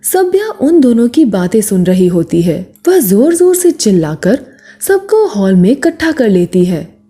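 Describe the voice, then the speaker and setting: A woman narrating a storybook in a measured, expressive way. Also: fairly high pitch, faint music behind.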